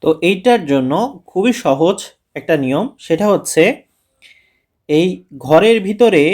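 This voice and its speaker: A man teaching a class six math lesson, asking his students questions and answering them himself, often checking with a casual "okay?". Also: sits high. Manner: casual, repeats "ঠিক আছে?" to check understanding.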